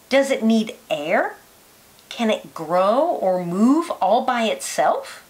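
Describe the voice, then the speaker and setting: Her voice sitting a little high, a woman reads a children's educational picture book like a teacher, choosing her phrasing with care so small listeners can follow.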